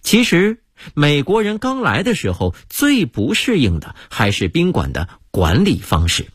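Lively, husky-voiced male radio storyteller. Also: fairly high pitch, measured pace, dry recording, studio quality.

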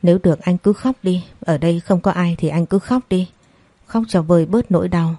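A woman's voice: lowish voice, fairly quick, dark tone, dry recording. A woman voicing a grieving older father. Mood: consoling. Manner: consoling, choked. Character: grieving older father comforting his friend.

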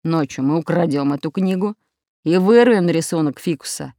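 A woman voicing a gruff, bossy, red-bearded male pirate captain. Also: sits low, moderate pace, warm tone, no room sound, studio quality. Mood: scheming.

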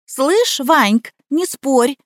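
A cheeky, sharp-tongued housekeeper chatters in slangy, coaxing tones, pitched up and bright, as a woman reader voices her. The voice sits dry and close to the mic. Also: animated, drawn-out words, no echo, full character voice. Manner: coaxing, cheeky colloquial speech.

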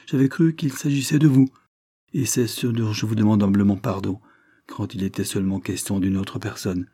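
A man voicing a scheming, spiteful middle-aged housekeeper who pleads with false humility, a bit higher than his own low, husky voice. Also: fairly even intonation, normal speed, mellow. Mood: wheedling. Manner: fawning, then triumphant.

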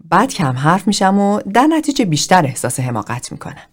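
A woman voices a plainspoken, self-conscious young man from a novel read aloud. He speaks frankly and haltingly, without polish. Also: mid-range voice, big pitch swings. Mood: candid.

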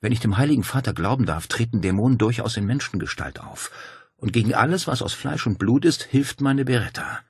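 A man voicing a young policewoman, raising his voice a little and speaking briskly and skeptically. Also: medium pitch, lively intonation, breathy edge, no echo, clean studio sound, pitched above the performer's own voice. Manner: brisk, skeptical, matter-of-fact. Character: police officer, young woman, determined and dry-witted.

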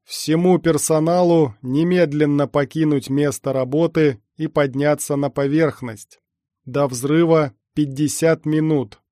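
A man doing a slow metallic mine alarm voice. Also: fairly high pitch, steady tone, dark tone, no echo, studio quality, close to an everyday voice. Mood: announcing.

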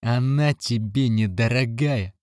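A man reading an audiobook, voicing a hostile, defiant teenage boy who shouts. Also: mid-range voice, slow pace, no room sound, studio quality, voice pushed up, natural voice. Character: angry resentful teenage boy. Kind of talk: audiobook character voice.

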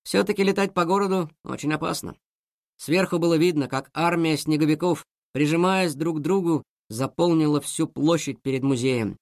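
A man narrating a children's story in a lively, expressive way. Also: fairly high pitch, moderate pace, no echo, studio quality.

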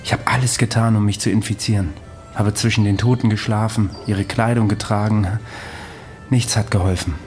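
A man's voice: lowish voice, fairly even intonation, normal speed, darkish tone, faint music behind, close to an everyday voice. An actor playing a world-weary, undying ancient wanderer in an audio drama, telling his past in a wry, brooding manner. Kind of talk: audio drama dialogue and storytelling.

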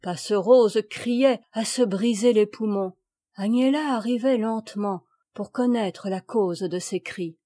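A woman audiobook narrator reading a classic children's tale in a measured, expressive way. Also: mid-range voice. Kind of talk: scripted narration.

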